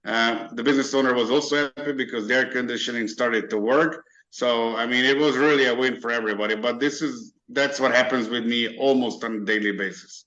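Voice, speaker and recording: A man's voice: medium pitch, brisk, few pauses, bright, forceful tone. A man, a guest in a casual interview, talking earnestly with many fillers and restarts. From Hungary. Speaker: interview guest, business owner. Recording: dull lo-fi sound.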